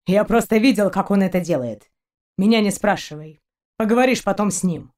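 A woman's voice: mid-range voice, a little fast, a little mellow, natural voice. A woman doing a blunt male starship captain. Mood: dismissive. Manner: blunt, dismissive.

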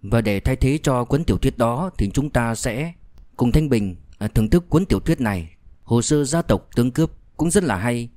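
A man narrates a crime novel in a measured, storytelling voice of ordinary pitch. He reads steadily and clearly. The recording is dry and close, with no room sound. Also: animated, darkish tone, no echo. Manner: measured, with fillers in asides. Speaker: audiobook narrator.

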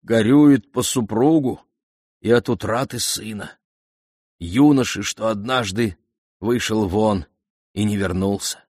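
A man voicing an old, weather-beaten royal messenger who speaks slowly and deferentially. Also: darkish tone, husky, no echo, studio quality. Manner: deferential, slow and low.

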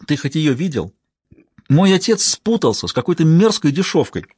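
A man's voice: a little high, very animated, normal speed, darkish tone, slightly rough, dry recording, studio quality, pitched above the performer's own voice. A man voicing an angry young female police detective who speaks sharply and confrontationally. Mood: bitter.

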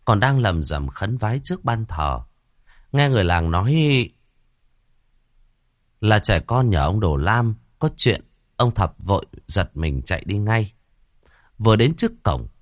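A man reading a ghost story as scripted narration, slow and dramatic. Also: low-pitched, dry recording, studio quality.

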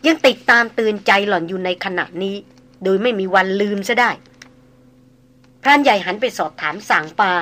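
A woman reading an adventure novel aloud with steady dramatic narration. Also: medium pitch, moderate pace.

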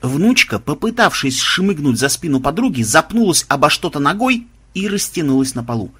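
A man reading a story aloud in a lively, expressive manner. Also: a little high, normal speed, slightly rough. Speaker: audiobook reader. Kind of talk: scripted story narration.

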